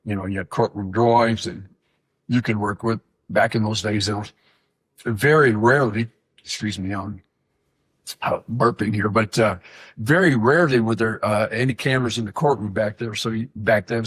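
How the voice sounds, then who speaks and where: A man's voice: fairly low pitch, fairly even intonation, normal speed, slightly rough, no echo. A middle-aged man, a podcast co-host and former TV reporter, reminiscing in a rambling way with restarts. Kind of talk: casual chat.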